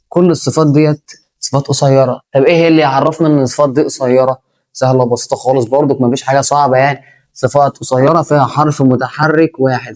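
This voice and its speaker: Man, Egyptian accent, rapid delivery, teacher explaining grammar, repeats rules aloud. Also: medium pitch. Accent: Egyptian Arabic. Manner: lively, repeats key points, addresses student directly. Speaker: English teacher. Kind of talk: grammar lesson for students.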